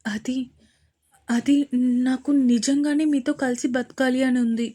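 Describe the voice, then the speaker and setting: A woman's voice: high voice, steady tone, unhurried. A woman voicing an earnest, hurt young wife. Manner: soft, earnest, tearful.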